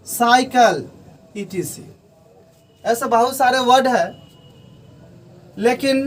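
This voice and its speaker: A man teaches English pronunciation at a board, in an unhurried classroom manner. He speaks slowly with a very high voice and spells out words letter by letter. His voice is picked up from a distance, away from the mic. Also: slight background noise. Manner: slow, explanatory, spelling out letters one by one. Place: room with a board.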